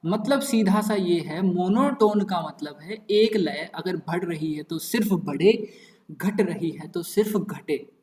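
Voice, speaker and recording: A man's voice: sits high, takes it slowly, a little mellow. A young man teaching maths in a casual lecture, repeating words playfully and muttering asides. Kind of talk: casual Hindi-English lecture. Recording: echoey room.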